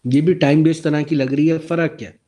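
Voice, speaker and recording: Man lecturer, sore throat, fairly high voice, walks through slides and quizzes the class. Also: fairly even intonation, mellow, slightly rough. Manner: explains step by step, asks the class questions, reads slide text aloud slowly. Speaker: database lecturer. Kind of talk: recorded lecture over slides.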